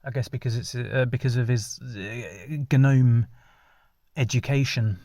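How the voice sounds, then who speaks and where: A man, telling an ad-libbed comic story in a rambling, deadpan way with many restarts. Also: medium pitch, a little slow, no room sound, studio quality.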